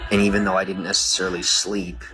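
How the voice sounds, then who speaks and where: A streamer talks casually to his livestream viewers in a low, fairly flat voice at a quick clip, rambling and leaning on fillers. He's recorded outdoors on a noisy street with traffic going by.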